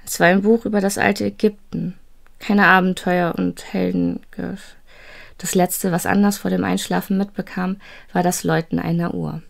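A woman narrating a children's advent story in a calm, measured reading voice. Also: on the low side, creaky.

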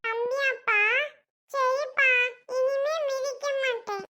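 Little girl, tearful and whiny, tattling to dad; played by a woman. Very high, slow delivery. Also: steady tone, pushed and bright, full character voice.

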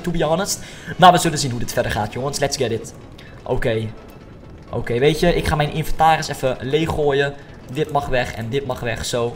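A young man gives casual gaming commentary at a medium pitch. He is excitable and jokey, addressing viewers directly and mixing in English slang. Faint music plays behind his voice. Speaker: gaming video host. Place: indoor room.

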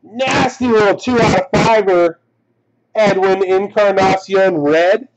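A man hosting a live stream card break, excitable and quick to laugh and shout out the pulls. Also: high-pitched, rough recording.

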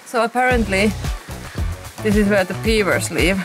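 A woman's voice: mid-range voice, moderate pace. A woman in her thirties narrating a travel vlog about a camping and hiking trip, in a playful, joking manner. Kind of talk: travel vlog voice-over and on-camera chat. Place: outdoors in a forest. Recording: music playing under the voice. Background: background music.

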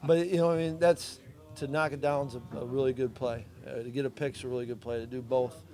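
A man's voice: medium pitch, steady tone, a little fast, over music. A middle-aged man, a head football coach, giving plainspoken, understated answers at a postgame press conference.

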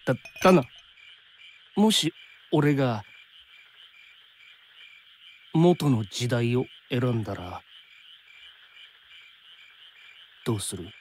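Playing a laid-back young time traveler in a Japanese anime game, a male actor uses casual slang tinged with worry. His husky, mid-range voice is very animated yet unhurried, and the mood is uneasy.

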